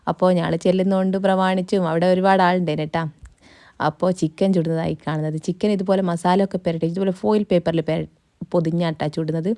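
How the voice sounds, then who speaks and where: A woman's voice: on the low side, mellow, no room sound. Chatty woman with a lilt. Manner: chatty, tag words at line ends. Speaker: travel vlogger. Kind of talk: casual voice-over narration.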